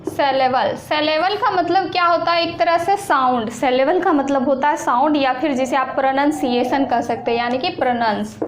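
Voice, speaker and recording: A woman teaching an exam-prep lesson, explaining slowly and repeating points, asking questions and answering them herself. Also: sits high. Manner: slow, repetitive explaining with questions to students. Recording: echoey room with faint noise.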